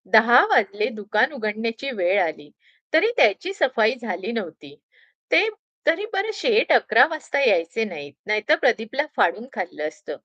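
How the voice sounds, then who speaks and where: A woman hosting her channel, chatting with fillers and pauses, then reading a story aloud. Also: on the high side, big pitch swings, a bit bright, dry recording, muffled recording.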